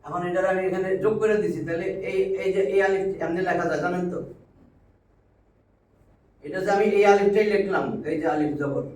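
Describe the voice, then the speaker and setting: A man's voice: sits high, fairly quick, a little mellow, slight background noise. A man teaching a Quran reading class. He speaks, talks patiently, repeats words and keeps asking if the class understands. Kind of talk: classroom lesson at a whiteboard. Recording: echoey room, mic far off.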